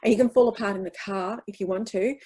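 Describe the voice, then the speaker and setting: A woman presenting a workshop in a middle-pitched voice. She speaks earnestly and reassuringly, leaning on key phrases and restarting sentences as she answers questions. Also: steady tone, fast talker, mellow, breathy edge, low-quality recording.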